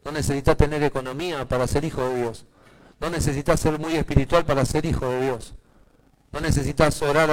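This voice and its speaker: A male pastor with a Rioplatense accent preaching a sermon, swinging from hushed asides to loud, emphatic declarations. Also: a little high, rough recording. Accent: Rioplatense Spanish.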